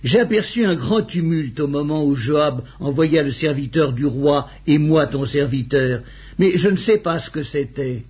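A man's voice: fairly high pitch, moderate pace, breathy edge. A man reading as an eager young messenger. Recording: dull lo-fi recording.

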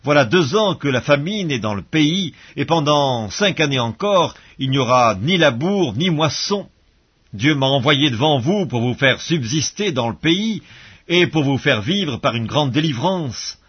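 A man reading the part of a forgiving grown ruler speaking earnestly to his brothers, in a husky voice, in a bible reading. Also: on the high side, expressive, measured pace, highs cut off.

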